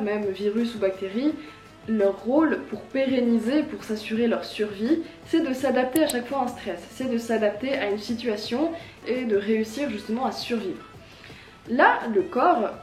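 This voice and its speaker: A woman with a slightly rough morning voice, chatting casually to camera as a fitness vlogger in an informal, self-mocking, emphatic way. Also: a little high, a little mellow. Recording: roomy echo.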